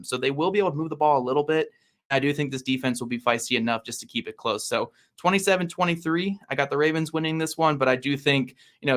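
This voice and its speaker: Man, guest analyst, quick delivery, emphatic, repeats himself for emphasis. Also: medium pitch, fairly bright tone. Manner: emphatic, repeats his points. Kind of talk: casual sports podcast chat.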